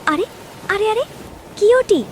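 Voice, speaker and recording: Woman as a high-voiced, downtrodden young wife. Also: animated, measured pace, a little hiss or hum. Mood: frightened. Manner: plaintive, tender. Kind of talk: cartoon fairy-tale voice acting.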